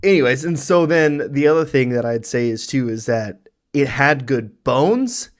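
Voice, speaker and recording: A man in the middle of a loose reaction chat, talking at an ordinary pitch and wandering through long explanations of backstory. he goes on in a relaxed, unscripted way, circling back to add details as he thinks of them. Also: a little slow. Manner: rambling, explains lore at length. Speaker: reaction show host. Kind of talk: casual chat.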